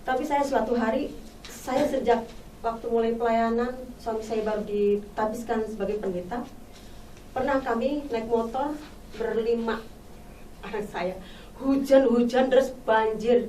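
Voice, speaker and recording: Woman, middle-aged, high voice, fervent testimony, roomy distant sound. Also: darkish tone, slight background noise. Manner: fervent, storytelling, rising to exclamations. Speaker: pastor's wife giving testimony. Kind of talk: church talk show testimony. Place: studio talk show set. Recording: echoey room, distant mic.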